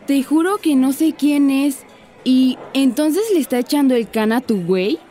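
A woman's voice: high voice, dark tone, faint music behind, close to an everyday voice. A woman playing a nosy, slang-using teenage girl with a Mexican accent. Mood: curious. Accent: Mexican Spanish. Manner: slangy, quick to deny.

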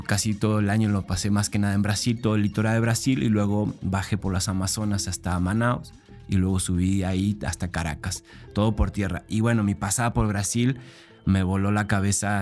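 A middle-aged man, born in Argentina and raised in Mexico, telling his story as a musician guest in a radio interview, relaxed and a bit hesitant. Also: sits low. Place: radio booth. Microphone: studio microphone.

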